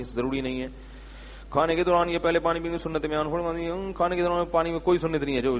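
A man's voice: medium pitch, long reverb tail, muffled recording, slight background noise. A man giving religious answers to questions in an emphatic, rhetorical manner, sometimes scolding. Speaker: Islamic scholar answering questions. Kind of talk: religious Q&A talk.

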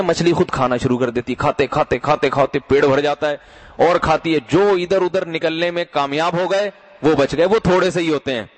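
Middle-aged guy preaching, kinda high voice, lively, keeps asking the crowd questions. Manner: lively, rhetorical questions, addresses listeners as brothers. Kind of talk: sermon.

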